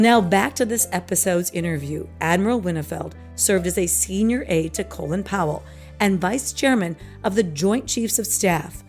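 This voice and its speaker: A middle-aged woman with a raspy voice, hoarse from laryngitis, hosting an interview podcast and speaking as its presenter. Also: mid-range voice, a little mellow.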